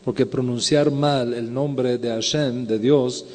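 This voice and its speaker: Speaking slowly in a steady, slightly mellow medium-pitched voice, a rabbi lectures at a conference and takes questions. The lecture hall setting gives the recording a long reverb, and he walks through ideas step by step, frequently asking "ok?".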